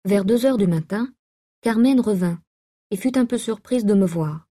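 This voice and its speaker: A woman narrating a classic novel aloud in a measured, even reading style. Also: mid-range voice. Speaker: audiobook reader. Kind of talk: literary audiobook narration.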